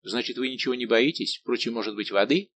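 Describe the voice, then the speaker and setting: A man voicing a shrewd, quick-witted veteran musketeer officer who talks in a lively, coaxing way. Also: medium pitch, slight background noise, lightly acted. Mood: sly.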